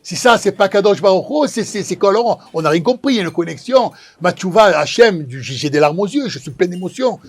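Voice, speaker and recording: A man with a sing-song Marseille accent tells his own story with big emotion and lots of repetition. His voice sits a little high and sounds husky. He builds the drama of every moment. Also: brisk, few pauses. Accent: Marseille, southern French. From Marseille, France. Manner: dramatic, animated, repeats phrases for effect. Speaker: pizza maker telling his life story.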